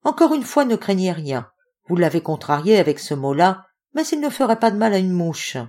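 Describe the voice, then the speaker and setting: A woman reading an audiobook voices a dignified old scholar who speaks with calm, coaxing authority. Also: medium pitch, moderate pace. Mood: reassuring.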